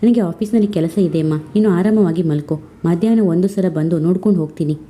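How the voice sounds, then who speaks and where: A woman voicing a kindly, fatherly older man who speaks in a gentle, reassuring way. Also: lowish voice, quick pace, close to an everyday voice.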